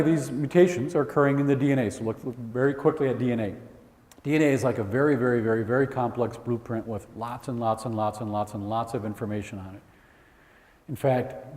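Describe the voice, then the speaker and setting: A middle-aged man giving an energetic, joking lecture to college students as a guest speaker. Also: mid-range voice. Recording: echoey hall with long reverb.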